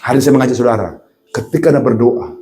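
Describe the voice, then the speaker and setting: A man preaching a lively sermon in a church, asking his congregation questions and acting out the voices in his stories. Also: mid-range voice, racing. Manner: animated, acts out voices, asks the congregation questions.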